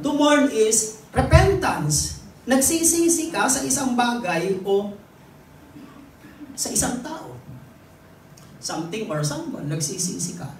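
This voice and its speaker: High-voiced Filipino preacher in an echoey hall. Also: male voice, slight background noise. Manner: teaching, mixing Tagalog and English, with light jokes. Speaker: lay preacher. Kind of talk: sermon. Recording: echoey room, distant mic.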